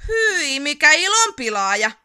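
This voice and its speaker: Yrmy, a woman doing a lively wandering troll. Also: sits high, creaky, pitched above the performer's own voice, heavily acted. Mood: cheerful. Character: lonely wandering troll, cheerful then wistful. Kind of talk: storybook reading.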